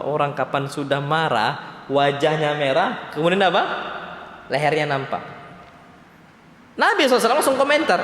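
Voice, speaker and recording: Indonesian preacher guy, palembang accent, high voice, quizzes the crowd then answers himself, big echoey mosque hall. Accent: Indonesian, Palembang region. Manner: animated, asks the audience questions and answers them; quotes Arabic then translates. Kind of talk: sermon.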